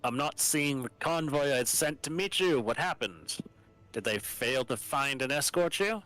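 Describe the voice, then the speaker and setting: Man playing stern governor, game character, military formality, curt, commanding, forceful bright voice. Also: medium pitch, lively intonation, normal speed, lightly acted, low-quality recording.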